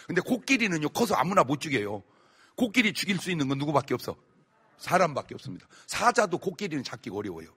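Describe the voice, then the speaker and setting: Bright, husky male pastor preaching with lively shouts, long church hall reverb. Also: fairly high pitch. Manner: animated, shouting, rhetorical questions to the congregation. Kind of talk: sermon.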